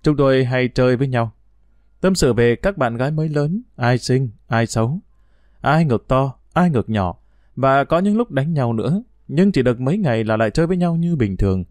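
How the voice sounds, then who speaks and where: A man's voice: mid-range voice, lively intonation, a little fast, darkish tone, dry recording. Wry male storyteller, dry close sound. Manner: wry, reflective, conversational. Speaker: narrator. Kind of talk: first-person storytelling narration.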